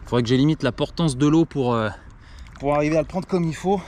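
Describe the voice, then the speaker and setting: Young man from France, excited self-filmed kayak commentary, higher voice, outdoor action-camera sound. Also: quick pace, noisy background. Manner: excitable, exclaims constantly, talks to the camera and the fish. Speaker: kayak angler filming himself.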